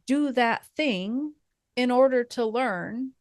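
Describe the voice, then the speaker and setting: Female co-host, young adult, unhurried musing delivery, dry close-mic sound. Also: a little high, no echo. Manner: thoughtful, meandering, with fillers and soft laughs. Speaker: podcast co-host. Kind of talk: casual faith podcast chat.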